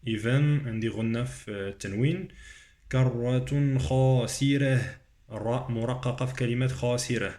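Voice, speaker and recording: A man leads a Quran recitation lesson in a mellow, dark voice. He chants each verse slowly and drawn out, then drops into quick, quieter explanations of pronunciation. The room around him sounds echoey. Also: mid-range voice, fairly even intonation.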